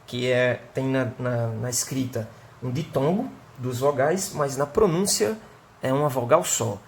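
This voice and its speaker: A man's voice: mid-range voice, a little slow, vocal fry, slight background noise. A male teacher from Brazil with a Northeastern Brazilian accent, giving a remote lesson and explaining step by step, often checking in with the class. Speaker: English teacher.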